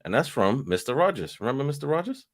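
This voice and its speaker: A man co-hosting a casual daily talk show, relaxed and offhand. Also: mid-range voice, quick pace.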